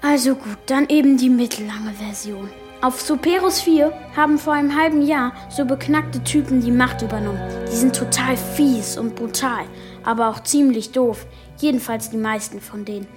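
Woman as a nervous, high-voiced boy superhero, rambling and stammering, for a kids' radio play. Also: music in the background, lightly acted. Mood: explaining. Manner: stammering, talks fast and rambles when nervous.

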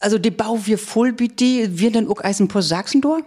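A radio host with a Mecklenburg Low German accent, chatty and mixing in Low German as they interview a guest. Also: a little fast, darkish tone, husky. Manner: chatty, laughs easily, mixes in Low German.

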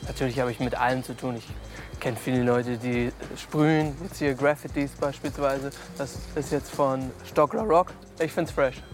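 A man's voice: medium pitch, steady tone, moderate pace. A man in his twenties from Hamburg, a breakdancer, talking casually and slangily in an interview soundbite. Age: 20s. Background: music.

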